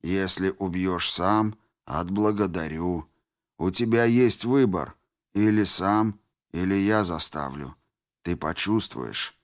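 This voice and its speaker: A man reading an audiobook voices a fat, mocking male villain who gives orders slowly and coldly. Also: sits low. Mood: cold commanding. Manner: slow, cold and commanding.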